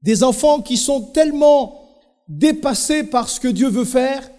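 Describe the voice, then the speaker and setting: Man, French Caribbean accent, pastor preaching, emphatic storytelling, high voice, long hall reverb. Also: expressive, measured pace, dark tone. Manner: emphatic, storytelling, addresses the congregation. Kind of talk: sermon.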